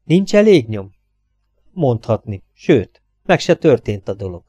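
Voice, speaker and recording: A harried, fed-up male police captain, as a male narrator reads him. He grumbles his complaints in a weary voice. The recording is dry and close, with a mellow tone. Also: medium pitch, big pitch swings, slightly rough, no room sound. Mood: grumbling.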